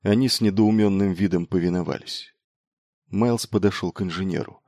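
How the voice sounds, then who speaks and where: A man reading a novel aloud as audiobook narrator, in a measured storytelling manner. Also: sits low, dark tone, no echo, studio quality. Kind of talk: scripted narration.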